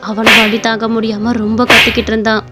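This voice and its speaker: A woman's voice: on the high side, completely flat delivery, fast, over loud music. A woman narrating a cartoon story in a plain storybook style.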